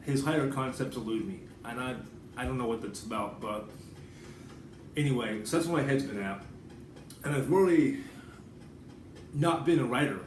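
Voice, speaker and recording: Long pauses break up his normal-speed, medium-pitched speech as the American writer and vlogger rambles informally and swears a bit. Expect roomy echo, a faraway mic and background noise.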